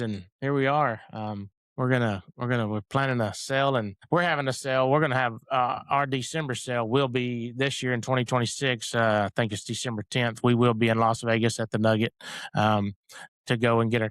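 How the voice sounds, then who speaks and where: A man's voice: mid-range voice, fairly bright tone, smooth, dry recording. A man, hosting in a casual, folksy, informal chat style. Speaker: host.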